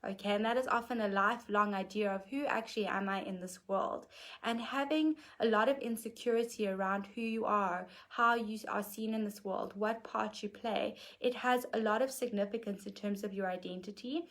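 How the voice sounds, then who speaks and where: Earnest woman teaching gently on a live stream. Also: mid-range voice, moderate pace. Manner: gentle, earnest, often says "okay". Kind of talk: reflective teaching talk.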